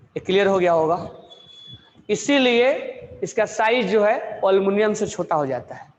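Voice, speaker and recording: Man, high voice, chemistry lecture, repeats phrases slowly, classroom. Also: lively intonation, in a large hall. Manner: asks questions and answers them himself, repeats key phrases slowly. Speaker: chemistry teacher. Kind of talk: classroom lecture in Hindi mixed with English.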